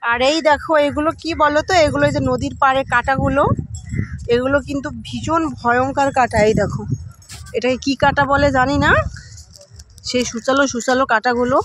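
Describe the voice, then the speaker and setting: A woman's voice: sits high, fairly even intonation, a little fast, fairly bright tone, slight background noise. A young woman vlogger chatting to her viewers as she walks outdoors along a muddy riverbank. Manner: chatty, talks straight to viewers while walking. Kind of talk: casual travel vlog.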